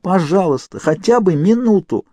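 A man voicing a desperate, defiant young woman held captive, shouting and pleading insistently. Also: on the high side, big pitch swings, very fast, no echo, studio quality, pitched above the performer's own voice. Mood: urgent pleading.

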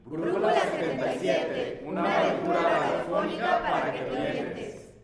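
A man and several women reading the same line together in unison, slowly and in step, as a rehearsed group. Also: fairly high pitch, wildly swooping pitch, a loud crowd. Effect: a man and women speaking the same words together in unison. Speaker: group reading a radio tagline. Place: large echoey room. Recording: very echoey room, voices far from the mic.

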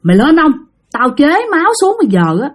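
A woman voicing a bold middle-aged man who summons a spirit, shouting demands and threats. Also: high-pitched, very animated, a little fast, pitched above the performer's own voice. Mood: demanding.

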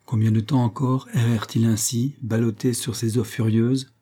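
Dark, husky male audiobook narrator. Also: mid-range voice, level tone, normal speed. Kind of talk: scripted narration.

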